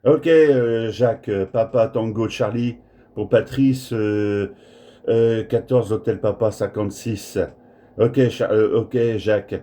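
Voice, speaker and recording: A man with a mellow, mid-range voice chats casually with a radio contact as an amateur radio operator, hesitating and repeating words. It's recorded on a smartphone in the room.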